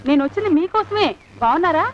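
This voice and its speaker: A clinging woman who insists she was his wife in a past life. She is coaxing and sweetly insistent and talks quickly in a very high voice. The soundtrack is dull, with a clear hiss. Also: expressive.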